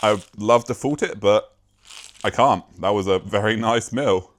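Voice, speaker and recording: A man's voice: fairly low pitch, unhurried. Rambling, self-mocking British guy. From Britain. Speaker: YouTuber. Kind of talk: casual vlog.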